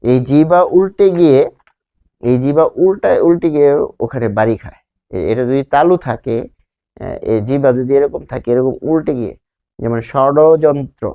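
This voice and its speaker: A male teacher from Bangladesh giving a grammar lesson, asking and answering his own questions and drawing out sounds to demonstrate them. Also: medium pitch. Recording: slightly dull lo-fi sound.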